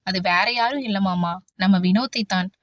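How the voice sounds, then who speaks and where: A woman's voice: medium pitch, moderate pace, no echo, lightly acted. Woman reading as a bold headstrong young woman. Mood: cheeky. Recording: dull, dry audiobook recording.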